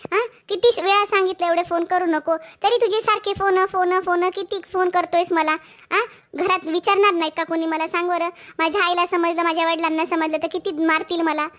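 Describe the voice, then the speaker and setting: A woman's voice: very high voice, steady tone, brisk, fairly bright tone. A woman voicing an anxious young girlfriend in a cartoon story, pleading and fretful, with a Marathwada Marathi accent. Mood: annoyed.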